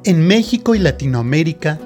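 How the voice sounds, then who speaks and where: A woman's voice: low voice, expressive, a little fast, a little mellow. A woman announcer reading a scripted promo with a firm, direct delivery. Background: music bed.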